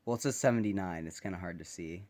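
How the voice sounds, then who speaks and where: A man gives an informal, unscripted product review. His voice sits fairly low, and he speaks loosely and conversationally, recorded on a phone camera. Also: quick pace, darkish tone. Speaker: gas mask reviewer. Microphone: handheld phone camera.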